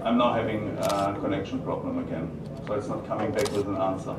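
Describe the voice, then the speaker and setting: An echoey, distant recording of a man with a strong German accent presenting at an event. He speaks at a middle pitch and answers questions haltingly, repeating phrases as he goes. Clear noise sits behind him. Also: steady tone. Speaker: company presenter taking audience questions. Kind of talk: live product presentation and Q&A. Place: roomy event venue. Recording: echoey, noisy room from far off.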